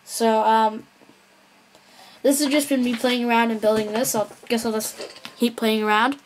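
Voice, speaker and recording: A woman's voice: a little high, fairly even intonation, moderate pace, a little hiss or hum. A woman rambling through casual gameplay commentary, mumbling and correcting herself as she goes. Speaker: gameplay video maker.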